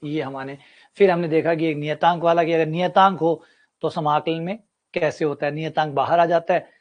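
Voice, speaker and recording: A man gives a maths lecture, his voice sitting a little higher than most men's. He explains step by step with everyday examples and says key points twice. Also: fairly even intonation, moderate pace, highs cut off. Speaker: maths teacher. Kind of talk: classroom lecture.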